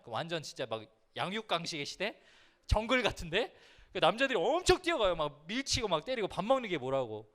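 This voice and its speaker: A youth pastor recounts a funny story from his school days in a high voice that rises and falls widely. He speaks directly to the young people before him, keeping his sermon light, playful, lively and humorous.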